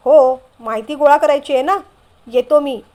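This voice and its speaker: A woman's voice: high voice, normal speed, warm tone, natural voice. A woman voicing a cheerful younger brother who teases and reassures in a playful way.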